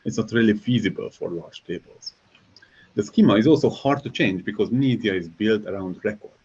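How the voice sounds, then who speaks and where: A man from Hungary, a software engineer, giving a scripted conference presentation in a measured, explanatory way with touches of dry irony. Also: fairly low pitch, husky. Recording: slightly dull, muffled recording.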